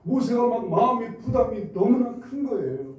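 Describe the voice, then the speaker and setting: A man's voice: very high-pitched, sing-song, moderate pace, a little mellow. A male pastor preaching a sermon, retelling a Bible story and acting out the grumbling crowd in quoted voices. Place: church sanctuary. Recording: very echoey church hall, mic at a distance.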